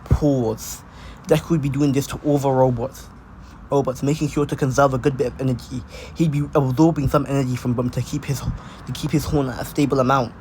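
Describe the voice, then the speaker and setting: A man with a mid-range voice telling an improvised fan story in a casual, halting way, doubling back and repeating phrases as he goes. A faint noise sits behind him. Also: medium pitch, fairly even intonation, darkish tone. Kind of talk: casual fan-fiction narration.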